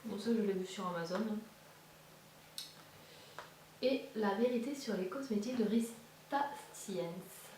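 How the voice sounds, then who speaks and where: Speaking as a beauty vlogger in a casual chat, this woman has a warm, medium-pitched voice and a measured pace with frequent pauses. She's hesitant, full of fillers and false starts, and the audio is roomy and far-miked with slight hiss.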